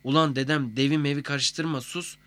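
A man voicing a defiant, proud old village grandfather who talks gruff and blunt. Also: a little high, steady tone, normal speed, a bit bright, no room sound, close to an everyday voice. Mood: urgent hushing.

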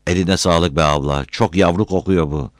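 A man voicing a loud, greedy, simple-minded village man with a thick voice. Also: low voice, steady tone, moderate pace, no echo, studio quality, lightly acted. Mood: shouting. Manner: shouting, wheedling.

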